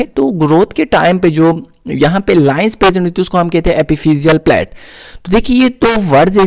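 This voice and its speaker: Male lecturer with a Pakistani Urdu accent, high voice with a gravelly edge, slow and repetitive delivery. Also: a little mellow, no echo. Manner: explains slowly, repeating terms, with frequent "uh" fillers. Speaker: nursing lecturer. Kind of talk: recorded lecture over slides. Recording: dry close recording.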